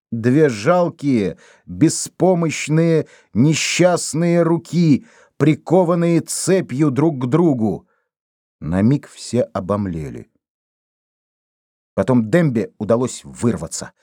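A man narrating a novel in a steady, expressive reading voice. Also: medium pitch, no echo, studio quality. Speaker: audiobook narrator. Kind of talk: scripted narration.

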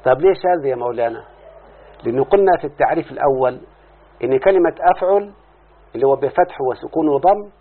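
A man's voice: a little high, breathy edge. A man with an Egyptian accent teaching a grammar lesson, drawing out key words and asking his students to confirm each step. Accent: Egyptian Arabic. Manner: repeats questions to students, stretches out key words. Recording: phone-like lo-fi recording.

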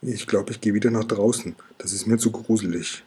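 A man doing a tiny trembling creature, breathy. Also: steady tone, a little fast, darkish tone. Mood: scared. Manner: breathy trembling whisper, higher.

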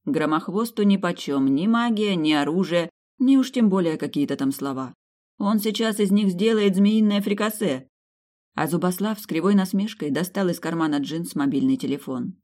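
A woman reading a humorous fantasy audiobook in first person, lively and ironic. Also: fairly low pitch, normal speed. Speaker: audiobook narrator.

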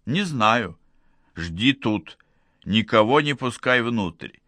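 A man's voice: mid-range voice, animated, slow pace, bright, forceful tone, no echo. A man playing a curt, decisive engineer. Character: decisive young male engineer.

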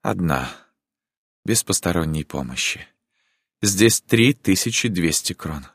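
A man's voice: sits low, lively intonation, takes it slowly, husky, no room sound, studio quality, heavily acted. A man voicing a passionate noble countess in an audiobook reading, speaking in a dramatic, impassioned, imploring way. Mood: insistent.

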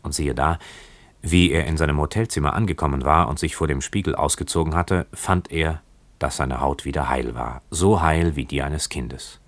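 A man reads a story aloud with a measured, dramatic delivery. His voice sits extremely low, and the recording is close and dry with no room sound. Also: no room sound. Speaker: narrator. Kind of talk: audiobook reading.

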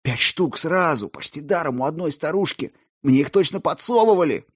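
A man voicing an excitable male collector who pleads feverishly and rises toward shouting. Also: on the high side, moderate pace, husky, no echo, clean studio sound, voice pushed up. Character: excitable, rambling male collector, wild-eyed.

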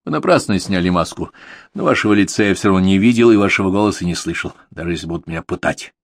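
A man reading a stubborn, calm male hired killer in an audiobook, speaking tersely and deliberately in a hoarse voice. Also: sits low, dry recording, clean studio sound.

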